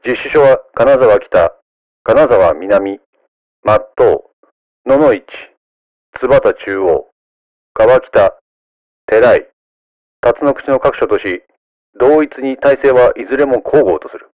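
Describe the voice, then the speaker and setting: A male police dispatcher reads out orders over the police radio, as a man voices him in a slow, even, formal delivery. The sound is dull and lo-fi, like a radio channel, and dry with no room around it. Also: mid-range voice, no echo, pitched above the performer's own voice. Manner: formal, measured announcement reading.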